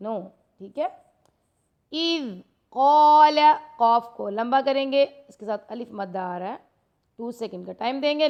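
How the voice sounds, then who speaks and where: A woman teaching a recitation lesson, explaining each rule quickly and then reciting the verse slowly. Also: fairly high pitch, lo-fi sound.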